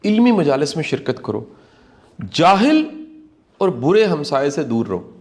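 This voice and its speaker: A man's voice: a little high, big pitch swings, a little mellow. A man giving earnest, preachy commentary on a talk show.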